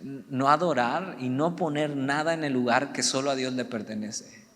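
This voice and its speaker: A man's voice: medium pitch, moderate pace, a bit bright. A man preaching a youth sermon in a conversational way, with humorous asides. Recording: reverberant hall.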